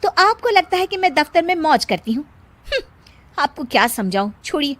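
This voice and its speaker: A woman's voice: sits high, big pitch swings, normal speed, fairly bright tone, dry recording, voice pushed up. Woman voicing a grumbling working wife. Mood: defensive. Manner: complaining, defensive. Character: complaining working young mother, irritable.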